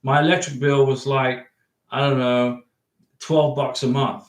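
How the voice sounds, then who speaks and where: A man's voice: medium pitch, little pitch movement, unhurried. A man hosting a casual livestream, reading viewer questions aloud and answering in a chatty, rambling way. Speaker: livestream host giving immigration advice. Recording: echoey room.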